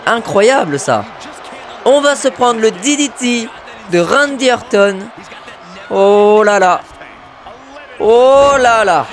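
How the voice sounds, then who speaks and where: Male gamer, high voice, excitable play-by-play, shouts at big moves, mutters asides. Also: a little hiss or hum. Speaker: gamer commentating his own wrestling video game match.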